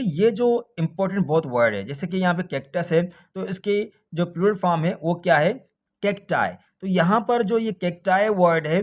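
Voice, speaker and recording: A man teaching a recorded grammar lesson for an exam, asking questions and answering them himself. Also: high voice. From Pakistan. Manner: often ends points with a check-in "okay".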